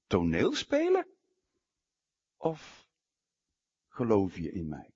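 A male preacher voicing God as a calm, questioning figure in a sermon, with low searching questions and a husky voice, in a dull lo-fi recording. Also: slow, full character voice. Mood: probing.

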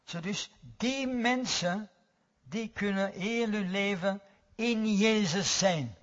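A man's voice: high voice, slow, fairly bright tone. A man preaching a sermon earnestly, repeating key words for weight. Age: 90s. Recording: dull, reverberant hall recording.

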